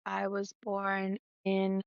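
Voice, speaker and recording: A woman's voice: mid-range voice, completely flat delivery, extremely slow, creaky, dry recording, highs cut off. A young woman from Argentina, a guest musician telling her story in a chatty, playful way over a video call. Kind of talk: casual interview chat.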